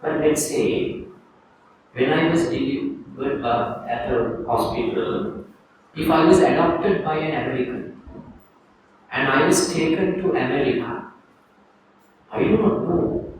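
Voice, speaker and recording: A Sri Lankan man, a Buddhist monk, giving a calm dharma talk to a group and leading a guided reflection. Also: fairly high pitch, measured pace, pauses often. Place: teaching hall in Sri Lanka. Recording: echoey room, distant mic, faint noise.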